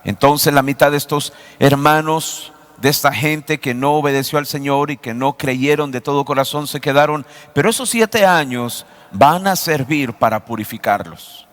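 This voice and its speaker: A man preaching a sermon as pastor, asking the congregation rhetorical questions and shifting his pace from quick to slow. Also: fairly high pitch, fairly bright tone, in a large hall. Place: church sanctuary.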